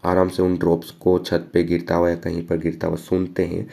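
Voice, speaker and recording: Brief: male teacher, low dark voice, gravelly texture, slow verse readings and casual explanation. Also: completely flat delivery. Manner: reads verse lines slowly, then explains casually. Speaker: English teacher. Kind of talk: line-by-line poem explanation.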